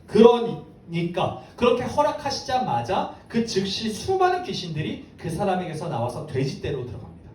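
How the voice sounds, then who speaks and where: A man's voice: high voice, a little mellow. A man preaching a sermon to young people, keeps asking his listeners questions as he explains. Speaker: pastor. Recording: echoey room, mic far off, faint background hiss.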